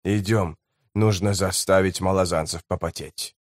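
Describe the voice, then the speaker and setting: A man voicing a grim, wary male guide who talks in terse, hushed mutters. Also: sits low, steady tone, normal speed, no room sound, studio quality, voice pushed down, close to an everyday voice. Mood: curt.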